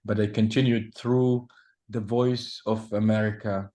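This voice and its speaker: A man from Sudan, a journalist answering interview questions in a measured way, often pausing and restarting. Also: fairly low pitch, level tone, mellow. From South Sudan / Sudan. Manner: measured, with frequent hesitations and restarts. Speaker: journalist guest.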